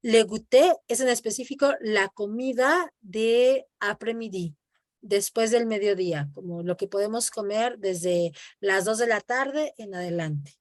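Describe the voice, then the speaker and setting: A medium-pitched woman takes her time teaching French online, with patient explanations in Spanish and French. She demonstrates words for the student to say back, captured in studio quality without echo.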